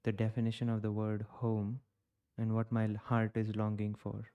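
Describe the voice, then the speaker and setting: A man from India, guiding a reflective contemplation in slow, short phrases with long pauses. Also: fairly low pitch, completely flat delivery, clear, resonant tone, dull audio. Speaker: contemplation guide. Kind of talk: guided contemplation.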